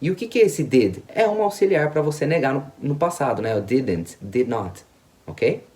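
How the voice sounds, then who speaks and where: An English teacher with a Brazilian Portuguese accent gives a grammar lesson, tagging lines with "ok?" and "né?" and repeating example sentences slowly. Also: mid-range voice, big pitch swings, a little mellow. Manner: tags lines with "ok?" and "né?".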